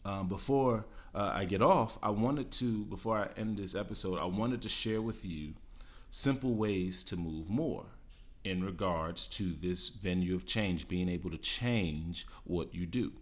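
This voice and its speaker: A man's voice: low voice, unhurried, fairly bright tone. A man coaching listeners on healthy eating and exercise in a solo podcast episode, casual, often checking in with "all right?" and "okay?". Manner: casual with fillers and self-corrections. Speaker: fitness coach.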